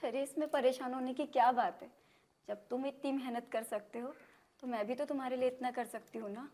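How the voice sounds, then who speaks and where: Give me a loving young village wife with a soft, slightly high voice. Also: female voice, fairly even intonation, brisk. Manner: soft, affectionate. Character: devoted young village wife, tender-hearted.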